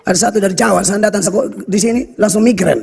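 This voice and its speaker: High-voiced, husky Kupang preacher. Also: male voice, fairly even intonation, fast talker, a little mellow. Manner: blunt, scolding preaching with local slang. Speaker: pastor. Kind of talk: sermon. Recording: reverberant hall with faint music.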